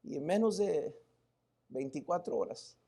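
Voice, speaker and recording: High-voiced Mexican pastor preaching. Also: male voice, expressive, measured pace, breathy edge. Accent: Mexican Spanish. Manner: storytelling that swings from hushed and low to loud preaching; stumbles and restarts words. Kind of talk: sermon. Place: church.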